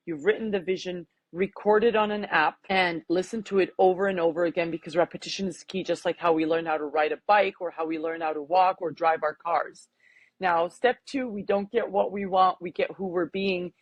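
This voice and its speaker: A middle-aged Canadian woman speaks in a lowish, slightly rough voice with no echo. A life coach whose first language is Armenian, she has a mixed accent, Canadian with hints of Armenian and British, and comes across as enthusiastic and motivational as an interview guest, laughing often.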